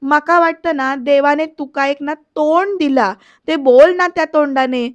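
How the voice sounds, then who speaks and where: A woman's voice: high-pitched, unhurried, no room sound, lo-fi sound. A woman reading the lines of a bitter, power-hungry middle-aged man. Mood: scornful. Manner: bitter, grumbling.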